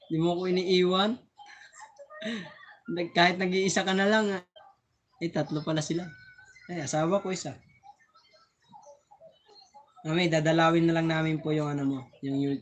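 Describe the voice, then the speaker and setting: A man's voice: on the high side, slight background noise. A man hosting a casual live stream on his phone, chatting and laughing often as he thanks viewers, sometimes tripping over his words.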